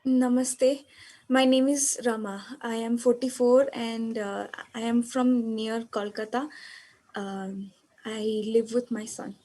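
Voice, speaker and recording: A woman plays a reserved mother in her forties from eastern India. She speaks slowly and softly, with pauses. Her tone is dark and mellow and a little high. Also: fairly even intonation. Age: 40s.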